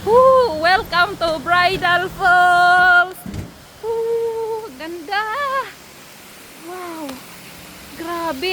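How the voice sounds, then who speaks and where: A woman vlogging by a waterfall on her phone, excitable and giggly, exclaiming often and sounding nervous and shaky. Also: high-pitched, background noise. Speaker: travel vlogger. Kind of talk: casual vlog narration. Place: outdoors by a waterfall. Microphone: handheld phone. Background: rushing waterfall.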